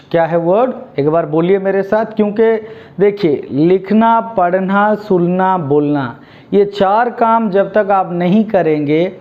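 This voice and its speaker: Indian man drilling vocabulary, slow and high. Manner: drills words, asks the class to repeat them; mixes Hindi and English. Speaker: English vocabulary teacher. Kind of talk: spoken vocabulary lesson. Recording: dull lo-fi recording.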